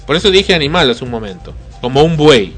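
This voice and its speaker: A man's voice: mid-range voice, very animated, fairly quick, faint music behind. A man, hosting a talk show and telling a story with indignation and rhetorical questions. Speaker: podcast host.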